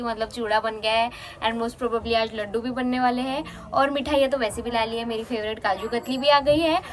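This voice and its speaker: A young woman chatting fast in a casual home vlog, talking into a handheld phone. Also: a little high, background noise. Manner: chatty, mixes in English words. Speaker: vlogger. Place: at home, indoors and on a terrace.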